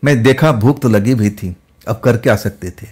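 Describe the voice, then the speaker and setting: A man telling a first-person horror story in a steady, conversational way. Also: mid-range voice, moderate pace, husky.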